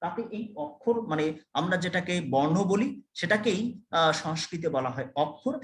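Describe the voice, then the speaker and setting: A man lecturing a college class, explaining slowly, repeating key terms and putting questions to his students. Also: high voice, animated, fairly bright tone, echoey room, slight background noise.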